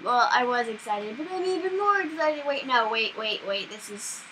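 A young woman hosting a gaming channel, chatting casually and excitably while she plays, often startled. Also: on the high side, moderate pace, slight background noise, low-quality recording. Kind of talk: casual gameplay commentary.

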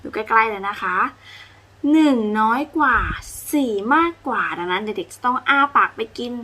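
A bright, clear-toned woman teaching a kindergarten homework lesson. She talks patiently and gently, speaking right to the little children at home as she walks them through the work. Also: on the high side, slight background noise.

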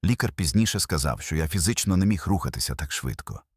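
An older man tells his personal testimony in a very low, husky voice. His delivery is earnest and emotional, with short phrases and a lively rise and fall of pitch. The sound is dry and close. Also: fast, no room sound. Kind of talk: first-person testimony narration.

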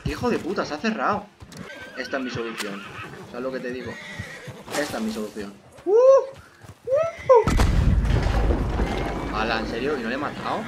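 A young man with a Spain Spanish accent giving casual gameplay commentary, swearing freely and bursting into shouts. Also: medium pitch, lively intonation, fast, noisy background. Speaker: gaming youtuber.

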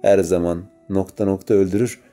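A man's voice: low-pitched, steady tone, a little fast, mellow, soft background music, close to an everyday voice. A man playing a menacing scarred killer. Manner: menacing, cold. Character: scarred male serial killer, menacing and bitter.

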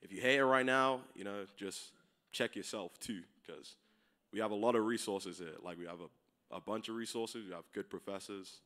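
Low-voiced young man, casual talk. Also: moderate pace, bright, forceful tone. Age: young adult. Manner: casual, hesitant, lots of fillers. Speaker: graduating senior speaker. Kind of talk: informal chapel talk.

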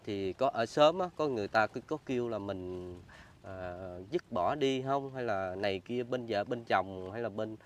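Soft-spoken Southern Vietnamese interviewer man. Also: lowish voice, moderate pace, a little hiss or hum. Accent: Southern Vietnamese, Mekong Delta. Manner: soft-spoken, polite, constant agreeing "yes" backchannel. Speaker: interviewer, channel host. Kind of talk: field interview.

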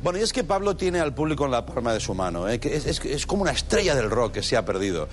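Lively comic male talk-show host. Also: medium pitch, fast talker. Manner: playful, mocking, lively asides. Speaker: late-night comedy host. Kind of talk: comic monologue. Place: TV studio with a live audience. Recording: studio audience and noise.

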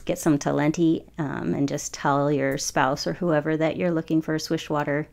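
A low-pitched woman in her forties gives a casual voice-over about her painting. Her voice has a gravelly fry and a warm, mellow tone. She rambles easily, filling pauses with ums. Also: flat delivery. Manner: chatty, rambling, frequent ums. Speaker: watercolor artist.

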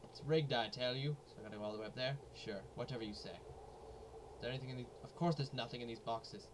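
Excitable man narrating a shooter game. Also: medium pitch, fast. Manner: excitable, jokey, keeps repeating "hold on". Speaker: gaming YouTuber. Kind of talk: let's play commentary. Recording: noisy home recording.

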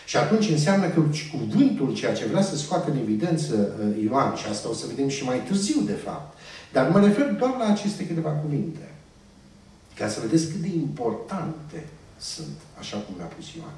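A man's voice: a little high, big pitch swings, a little mellow. Guy preaching a sermon, keeps asking the church questions, big echo, mic far away. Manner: teaching with questions to the congregation. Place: church hall. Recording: echoey church room, distant mic.

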